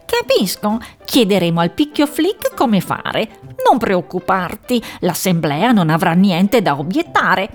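A woman voicing Quirk, a kindly duck deputy mayor. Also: mid-range voice. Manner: friendly, reassuring, lively.

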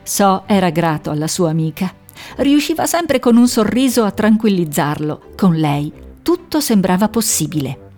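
A woman narrating a children's story in a gentle, measured storytelling manner. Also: medium pitch, animated, faint music behind.

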